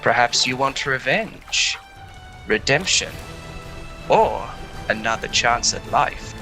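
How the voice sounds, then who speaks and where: A man voicing a homely, paternal spirit that speaks in a slow, reassuring way in a tabletop game. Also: mid-range voice, animated, bright, forceful tone, soft background music, heavily acted. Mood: questioning. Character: paternal reassuring death-realm spirit, male.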